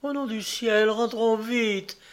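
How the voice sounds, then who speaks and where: A man voicing a terrified young maidservant, speaking in a high, pleading, drawn-out voice in an audiobook reading. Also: sing-song.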